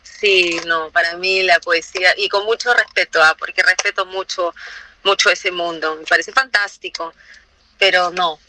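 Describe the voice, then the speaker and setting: A woman's voice: lowish voice, fairly even intonation, moderate pace, pushed and bright, slight background noise, poor audio. A woman guest talking in a casual, modest way and laughing easily. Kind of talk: casual chat.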